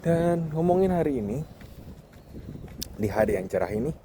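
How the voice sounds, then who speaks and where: A thirty-year-old podcast host with a fairly high, very animated voice talks at normal speed while walking outdoors on a campus football field. It's an informal, reflective vlog-style monologue addressed to himself, with clear, noisy outdoor background sound.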